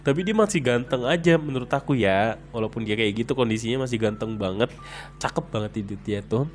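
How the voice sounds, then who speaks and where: A man's voice: medium pitch, fast talker, a little hiss or hum. A young man telling a personal story in a chatty, rambling way, full of fillers.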